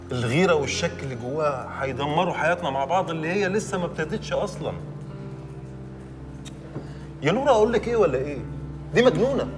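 An actor playing an exasperated young husband, speaking with an Egyptian accent in a rapid, pleading way. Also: male voice, fairly high pitch, far from the mic, close to an everyday voice. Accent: Egyptian Arabic. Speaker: newly married husband. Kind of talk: Egyptian film acting. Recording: film audio with music behind.

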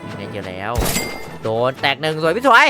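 A man streaming a horror hunting game, reacting with excitable, jokey exclamations and running commentary. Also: mid-range voice, a little fast, over music. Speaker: gaming streamer.

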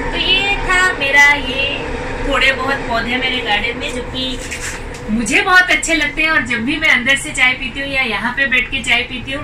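Showing off her small apartment balcony garden, a woman in her thirties narrates a casual, cheerful video tour as a home decor vlogger. She mixes in English words, her voice high-pitched, while a slightly distant camera mic picks up faint outdoor ambience and background noise.

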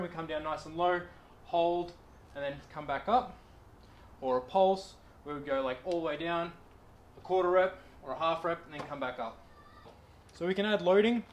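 A man's voice: on the high side, a little hiss or hum. A young man, a personal trainer, demonstrating home exercises in a garden while talking to a far camera. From Australia. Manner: relaxed, coaching while doing reps.

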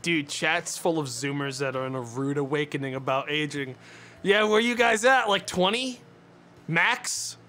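A man's voice: fairly high pitch, normal speed, pushed and bright, a little hiss or hum. A man in his twenties, a streamer chatting casually with his viewers in a mock-indignant, ranting way, swearing often. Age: 20s. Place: small dim room indoors.

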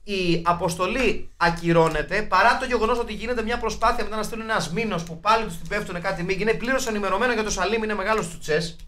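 A man with a fairly high voice talks through a film in casual podcast chat. He lets his wry comic riffs run long, teasing the movie as he goes. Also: hardly any pauses, sharp tone. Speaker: podcast co-host.

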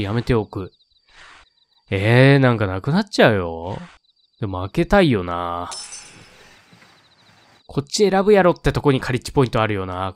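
A man reading a horror game's story aloud in a calm voice, dropping in laid-back side comments. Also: mid-range voice, dry recording. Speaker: game reader and streamer.

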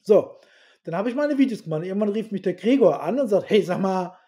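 A man's voice: sits high, brisk. A middle-aged man telling stories as a podcast guest, bluntly and with salty language, acting out the dialogue he quotes. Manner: animated storyteller who acts out quoted dialogue; blunt and salty, swears casually. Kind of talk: casual storytelling interview.

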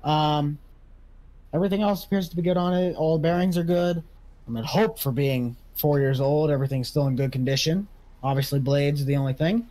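A man's voice: fairly high pitch, brisk, dark tone, natural voice, poor audio. A man playing a farm equipment auctioneer in a casual video game role-play, calling for bids and repeating prices. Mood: matter-of-fact pitch.

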